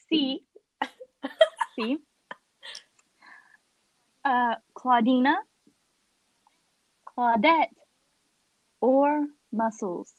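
A woman's voice: high-pitched, extremely slow, pauses often, dry recording, highs cut off. Giggly young woman with a dry sound. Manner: giggly, chatty. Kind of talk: casual quiz game chat between friends.

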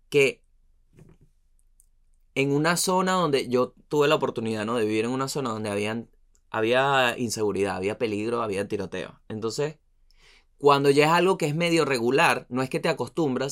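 A Venezuelan man spinning comic stories in a lively, swear-filled rush, dropping his voice to mumble asides between the punchlines. His pitch sits in an ordinary middle range. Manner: animated, slangy and profane, trailing off into muttered asides. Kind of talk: comic storytelling monologue.

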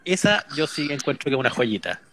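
A man's voice: medium pitch, very animated, fairly quick, a bit bright, no echo. A man with a Chilean accent hosting a casual livestream podcast, joking and reading viewer comments aloud with easy swearing. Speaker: podcast host reading live chat.

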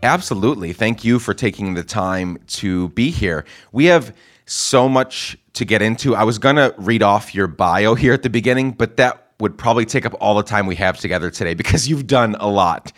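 A man's voice: on the low side, lively intonation, normal speed. A man hosting a podcast interview, introducing his guest and asking questions in an enthusiastic, affirming way. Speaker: podcast host.

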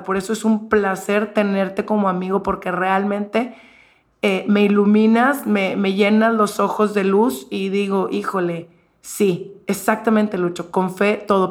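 A woman interviewing a guest, effusive and heartfelt, asking her questions over and over. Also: medium pitch.

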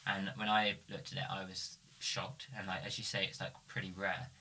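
A man's voice: sits low, normal speed, creaky. A man hosting a podcast, chatting casually with guests and asking loose, filler-heavy questions. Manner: relaxed, filler-heavy questions with many "like" and "sort of". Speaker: podcast host. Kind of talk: casual interview chat.

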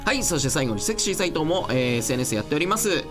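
Very animated, low-voiced woman talking fast. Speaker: show member. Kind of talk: casual radio show chat. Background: background music.

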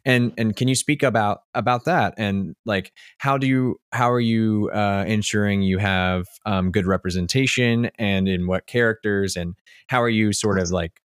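Very deep-voiced male podcast host. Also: steady tone, normal speed, clear, resonant tone, no echo, clean studio sound. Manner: rambling questions full of fillers. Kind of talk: casual interview talk.

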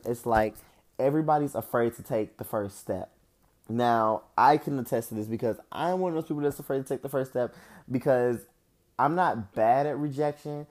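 A man's voice: medium pitch, a little mellow. A young man with a slightly stuffy nose, talking candidly in a casual solo monologue full of fillers and restarts. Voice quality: a little stuffy-nosed. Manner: rambling, candid, with frequent fillers. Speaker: podcast host.

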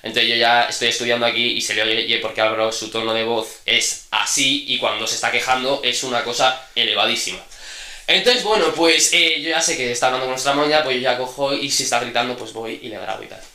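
A young man with a Spanish accent from Spain, co-hosting a homemade podcast in casual, animated chat. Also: medium pitch, echoey room. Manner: fast, animated storytelling. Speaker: podcast co-host. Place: home room. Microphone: cheap desk mic.

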